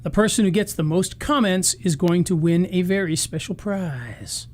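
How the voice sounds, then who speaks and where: A man with a high-pitched voice talks at normal speed while wrapping up a live marketing session. His casual live-stream chat is loose and rambling, full of restarts, and his voice is starting to give out.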